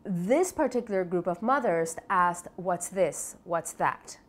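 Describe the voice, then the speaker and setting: Expressive and reflective, this lower-pitched woman from Lima, Peru, is a developmental psychology researcher explaining her answers in an interview. She speaks haltingly and keeps asking tag questions to get agreement.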